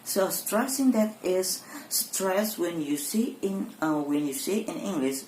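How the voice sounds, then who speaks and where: A young woman from Indonesia with an Indonesian accent, giving a university exam presentation in a hesitant, halting way with many fillers and restarts. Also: on the low side, lively intonation, darkish tone. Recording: echoey room with faint background noise.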